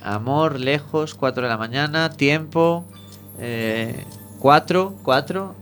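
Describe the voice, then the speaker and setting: A man's voice: fairly high pitch, slow pace, a bit bright, faint music behind. A man co-hosting a casual radio show, thinking aloud, hesitant and repeating words as he puzzles over a riddle. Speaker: radio co-host.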